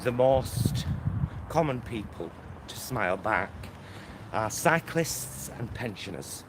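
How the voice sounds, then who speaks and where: Street sounds and passing traffic fill the phone recording as a man vlogs on a walk through his neighbourhood, talking to the phone on his selfie stick. He rambles casually with lots of fillers, in a fairly low voice with lively intonation and an unhurried pace.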